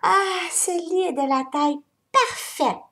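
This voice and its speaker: Goldilocks, as a woman reads her, high and fretful. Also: a little slow, a bit bright, full character voice. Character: curious little girl with golden hair.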